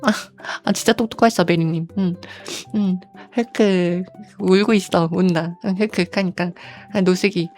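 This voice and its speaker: A woman streamer chatting casually into a desk mic, her voice sitting a little low. She muses out loud at an easy pace, dropping soft hums between phrases and talking about herself in the third person. Light music plays faintly behind her. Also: steady tone, fairly quick, hardly any pauses. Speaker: virtual streamer.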